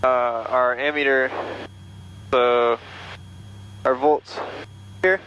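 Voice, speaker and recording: The same kind of cockpit scene: a young man training as a pilot talks loosely and reads off checklist items through a headset intercom. He drawls his words in a mid-range voice, and the low-quality recording carries slight background noise. His manner is easygoing and joking, with casual swearing.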